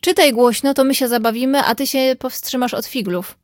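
A woman's voice: high voice, fairly even intonation, brisk, no echo, studio quality, close to an everyday voice. A woman voicing a prim young girl who plays the grown lady, speaking emphatically.

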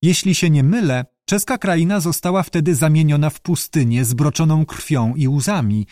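In an audiobook, a man voices a courteous, bookish male newt, speaking earnestly and formally with an eager, polite mood. His natural voice is pitched a little high, above his own, with a dark tone at a moderate pace. The recording is dry and studio quality.

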